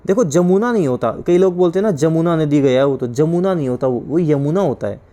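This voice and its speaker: A man's voice: lively intonation, fairly quick. A male teacher from India giving an exam-prep class, explaining each point, repeating it and quizzing his students with questions. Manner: drops to a low, quiet voice on each corrected word.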